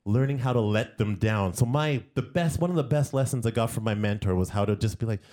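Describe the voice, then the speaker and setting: A man, a guest artist, telling animated anecdotes in casual conversation, often laughing as he goes. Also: on the low side, fairly quick. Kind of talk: casual storytelling.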